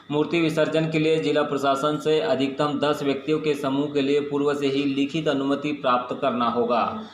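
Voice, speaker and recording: A man reading a scripted local news bulletin in a flat, formal manner. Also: mid-range voice. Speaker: news reader. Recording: echoey room with faint noise.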